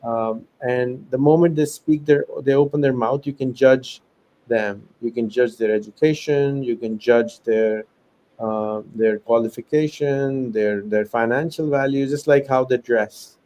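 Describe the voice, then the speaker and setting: On a poor-quality recording, a man with a mid-range, dark-toned voice speaks a little slowly. He's from Pakistan, an education founder guesting on a podcast, and his non-native English leans American. In this casual interview he sincerely explains his ideas, listing examples with fillers and restarts.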